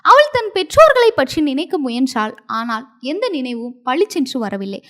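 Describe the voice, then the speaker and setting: A woman narrating a story in an expressive, dramatic storybook style. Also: high-pitched, normal speed.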